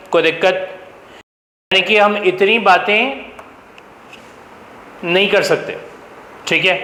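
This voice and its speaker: A man's voice: a little high, a bit bright, roomy sound, in a large hall, a little hiss or hum, rough recording. A man teaching a math class, firing questions at his students and answering them himself, with an Indian accent. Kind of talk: classroom lecture.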